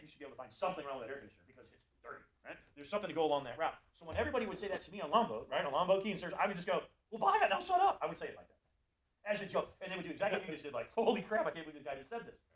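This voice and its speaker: Man, fast-talking, a bit high-voiced, jokey sales trainer quizzing the room, live training talk. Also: poor audio. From Florida. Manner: animated, jokey, asks the audience questions. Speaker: sales trainer for service technicians.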